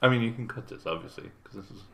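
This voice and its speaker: A man chatting casually, rambling and animated, often mimicking other people's voices. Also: medium pitch, quick pace, reverberant. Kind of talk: casual chat.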